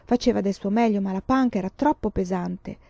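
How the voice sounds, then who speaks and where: A woman narrating a storybook with an expressive, dramatic reading. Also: medium pitch, brisk, creaky, no room sound. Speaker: audiobook reader. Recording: dull, dry lo-fi recording.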